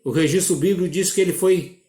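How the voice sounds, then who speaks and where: A man with a Brazilian Portuguese accent preaching a sermon in a church, slow and measured, with dramatic drops in his voice. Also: sits high, warm tone, roomy sound.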